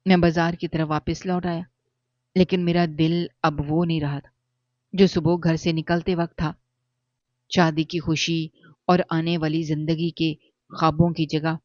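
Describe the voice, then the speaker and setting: A man's voice: fairly high pitch, a little mellow, no echo. Grave male storyteller, dull dry sound. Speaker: narrator. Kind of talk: scripted first-person story narration.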